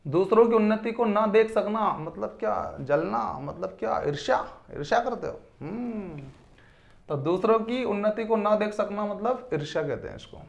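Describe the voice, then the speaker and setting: A man's voice: sits high, animated, normal speed, creaky. A man teaching a recorded exam-prep lesson. He calls his students his children, repeats each term several times, and quizzes the listener.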